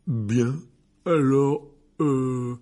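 A man's voice: lowish voice, sing-song, slow, darkish tone, breathy edge, full character voice. An actor playing a huge, kindly, clumsy half-giant teacher who stumbles over his words with many fillers. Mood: flustered. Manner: hesitant, full of fillers, eager. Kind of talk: dramatized audiobook reading.

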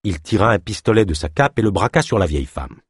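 Male audiobook narrator, low voice, husky, lively pitch, dry close mic. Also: no room sound. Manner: measured, expressive storytelling. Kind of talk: audiobook reading.

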